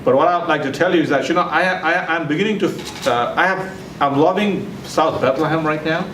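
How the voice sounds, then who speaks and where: Nepal-born man giving a halting speech. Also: fairly high pitch. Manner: halting, frequent fillers. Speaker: center director. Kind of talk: ceremony speech. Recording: echoey room from far off, noisy.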